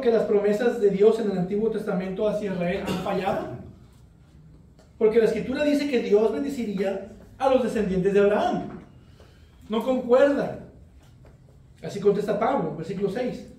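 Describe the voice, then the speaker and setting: Male pastor, high mellow voice, earnest measured sermon, recorded from afar in a very echoey hall. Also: far from the mic. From Mexico. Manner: expository preaching, measured and earnest.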